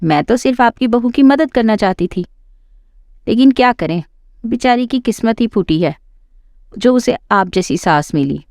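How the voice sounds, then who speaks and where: A woman's voice: fairly high pitch, expressive, moderate pace, a little mellow, dry recording, clean studio sound, voice pushed up. Woman putting on a mocking lecturing friend. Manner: mocking, scolding.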